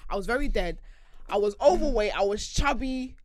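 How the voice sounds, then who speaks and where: A woman's voice: a little high, animated, normal speed, darkish tone, slight background noise. A woman with a London accent chatting casually as a host, full of urban roadman-style slang. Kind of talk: casual chat show banter.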